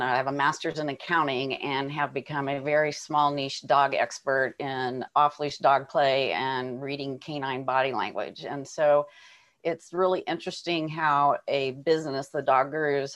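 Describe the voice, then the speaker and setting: A woman's voice: very deep voice, steady tone, unhurried, fairly bright tone. A woman guest on a radio interview, explaining her work earnestly. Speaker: guest, dog business coach.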